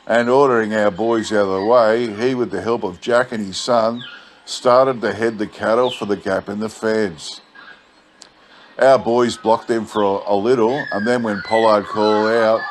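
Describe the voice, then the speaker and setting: A man reading a bush yarn as scripted narration in a laconic outback drawl. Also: lowish voice. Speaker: story reader. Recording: clear background noise.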